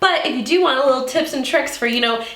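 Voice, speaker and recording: An upbeat young woman talks through a casual beauty tutorial in a fairly high voice. She is earnest and chatty, and the room gives her voice an echoey ring. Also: fast talker, a bit bright. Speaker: makeup artist and beauty vlogger.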